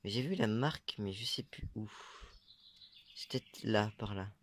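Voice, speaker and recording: Young man, low voice, hesitant casual show-and-tell, faint background noise. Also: unhurried. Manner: hesitant, many fillers, unsure asides. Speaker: metal-detecting hobbyist showing finds.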